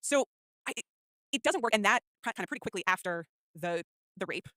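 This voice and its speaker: A woman's voice: mid-range voice, animated, fairly quick, fairly bright tone, dry recording, clean studio sound. A woman co-hosting a podcast, chatting casually about a film in a rambling way, full of false starts and filler words. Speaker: podcast co-host.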